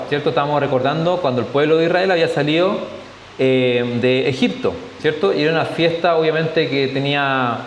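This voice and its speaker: A man with a Chilean accent giving a conversational church Bible study, often checking in with his listeners and slipping in jokes. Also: mid-range voice. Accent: Chilean Spanish. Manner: conversational, often adds tag questions, jokes. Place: church hall. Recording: echoey hall, faint hiss.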